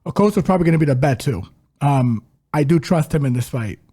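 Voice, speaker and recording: A man's voice: on the high side, lively intonation, quick pace, warm tone, breathy edge. A man co-hosting a podcast, giving casual betting takes with crude jokes and puns. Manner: jokey, crude banter, puns. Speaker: podcast co-host. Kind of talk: casual sports betting chat.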